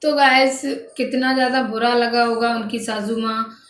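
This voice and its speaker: A woman's voice: a little high, steady tone, normal speed, fairly bright tone. A woman vlogger narrating family gossip in a casual, chatty way to her viewers, often saying "guys" and restarting her sentences. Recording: echoey room, distant mic, faint background noise.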